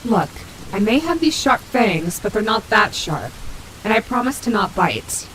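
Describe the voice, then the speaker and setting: Against clearly audible rain, a woman voices a female robot wolf in an audio roleplay. She is sassy and a little vain, with a protective, motherly streak. Her pitch sits in an ordinary female range and she talks casually, as if straight to the listener. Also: big pitch swings, unhurried. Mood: gentle, reassuring. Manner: sassy, casual, swearing, muttering asides to herself. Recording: heavy rain and thunder noise behind. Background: rainstorm sound effects.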